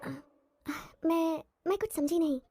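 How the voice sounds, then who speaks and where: A touchy young student. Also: female voice, very high voice, creaky, noisy background, heavily acted. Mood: cheerful. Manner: insists on her name, quick to take offence. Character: young woman, proud and touchy. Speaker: medical student. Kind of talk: dubbed film acting. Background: music.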